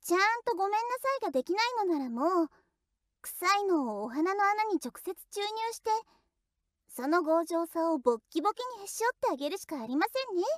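A woman's voice: very high voice, big pitch swings, fairly quick, no room sound, clean studio sound. Woman voicing a teasing young shrine maiden. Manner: polite, sing-song teasing. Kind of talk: audio role-play drama.

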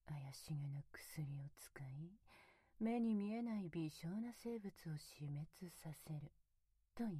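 Woman doing a fawning demon butler, breathy whispers ear to ear, super formal, low and slow. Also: dark tone, dry recording, full character voice. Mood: seductive. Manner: extremely polite, servile formal speech. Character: devoted high-ranking demon butler, fawning and seductive. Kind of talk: whispered ASMR roleplay. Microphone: close binaural mic, left and right ears.

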